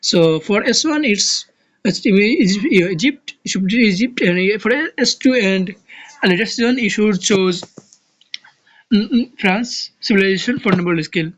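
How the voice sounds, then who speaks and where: This unhurried, medium-pitched speaker is a game guide creator from Bangladesh who speaks Bengali natively and has a Bangladeshi accent. In a casual tutorial on a strategy game, they keep restarting words and searching for terms. The recording is rough.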